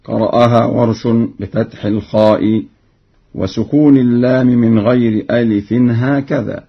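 Male presenter for a radio Quran program, gravelly, very slow, explains then chants examples, dull lo-fi sound. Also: medium pitch, steady tone. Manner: slow, deliberate, breaks into chant for cited verses. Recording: dull lo-fi archive radio recording.

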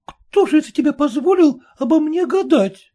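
A woman's voice: sits high, lively intonation, normal speed, pitched above the performer's own voice. Woman doing a haughty, scornful young wife. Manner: scornful, sharp, indignant. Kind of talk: audiobook reading.

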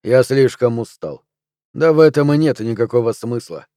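A man voicing an exhausted captured fugitive who speaks quietly and slowly. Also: mid-range voice, lively intonation, no room sound, studio quality, lightly acted. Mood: weary. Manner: quiet, slow and weary. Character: exhausted captured male fugitive, weary and calm.

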